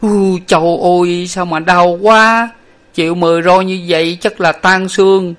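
A man's voice: high voice, moderate pace, a bit bright, pitched above the performer's own voice. A man voicing a timid, cheeky young male servant who talks in a whiny, pleading, deferential way.

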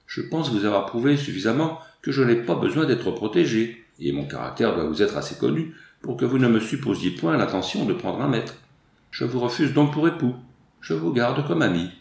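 A man's voice: medium pitch, big pitch swings, moderate pace, creaky, darkish tone, roomy sound. Césarine, a man reading a proud young noblewoman. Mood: firm, composed. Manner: firm, composed, formal. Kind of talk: audiobook reading.

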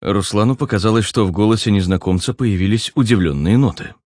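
A man narrating an audiobook in an even storytelling delivery. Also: on the low side, quick pace, no echo, studio quality.

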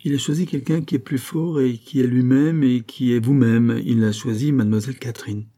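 A man's voice: medium pitch, fairly even intonation, a little fast, warm tone, lightly acted. A man voicing an eager young peasant man who earnestly pleads his case in an audiobook reading.

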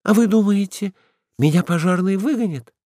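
A man's voice: high voice, moderate pace, a little mellow, no room sound, studio quality, pitched above the performer's own voice. A man voicing a cheeky, sly female stray dog in a storybook reading, coy and ingratiating.

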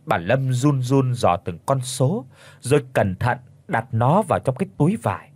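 A man reading a dramatic story aloud as an audiobook narrator, expressive throughout. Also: mid-range voice, normal speed, husky, no echo.

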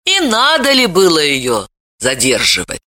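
Bright woman reading an audiobook. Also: sits low, huge pitch swings, unhurried. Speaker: audiobook narrator. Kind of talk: scripted audiobook narration.

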